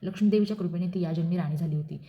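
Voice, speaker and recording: Brisk low-voiced woman reading aloud. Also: dark tone. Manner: brisk rhythmic recitation. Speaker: storyteller. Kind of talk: devotional story reading.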